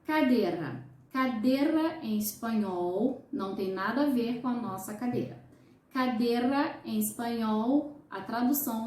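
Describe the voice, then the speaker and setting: Brazilian woman teaching slowly, echoey room. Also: medium pitch, a little mellow. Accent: Brazilian Portuguese. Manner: slow, deliberate, repeats each word for clarity. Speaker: Spanish teacher. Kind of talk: lesson.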